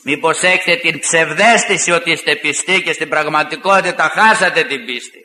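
A man preaching a fiery sermon, rising to shouts and retelling arguments with mocking asides. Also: on the high side, slight background noise. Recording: echoey hall with long reverb.

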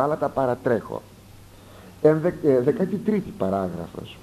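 A man preaching a sermon, reading passages aloud and explaining them with lively asides and sudden rises for emphasis. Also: mid-range voice, low-quality recording. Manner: animated, rising sharply for emphasis, explanatory asides. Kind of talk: sermon expounding a text.

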